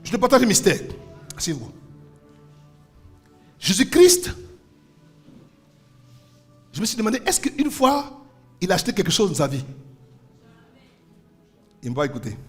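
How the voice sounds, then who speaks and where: A man's voice: high-pitched, huge pitch swings, a little slow, long pauses, husky, soft background music. A man preaching a sermon as pastor, with fervent call-and-response and rhythmic repeated refrains. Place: church service.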